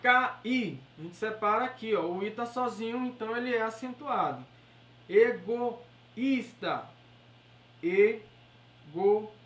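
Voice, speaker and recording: A woman's voice: a little high, animated, a little fast, few pauses, pushed and bright. A woman with a Brazilian Portuguese accent teaching an exam-prep grammar lesson, explaining step by step and checking in with her listeners. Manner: explanatory, checks in with "beleza?" and "certo?". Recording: echoey room, voice from far off the mic.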